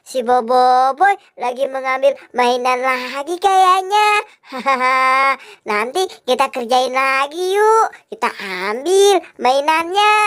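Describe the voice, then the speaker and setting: A performer voicing a mischievous robot cat twin in a clown skit, sneaky and hushed. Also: high-pitched, exaggerated voice. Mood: urgent. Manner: whispery, sneaky, slow. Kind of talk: costumed clown skit voice-over.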